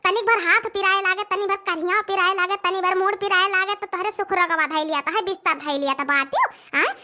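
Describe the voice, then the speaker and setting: Performer voicing a shrill scolding old Awadhi mother-in-law. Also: fairly even intonation, brisk, bright, forceful tone, heavily acted. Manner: scolding, complaining rant. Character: grumbling elderly village mother-in-law, bitter and bossy. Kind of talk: cartoon comedy voice acting.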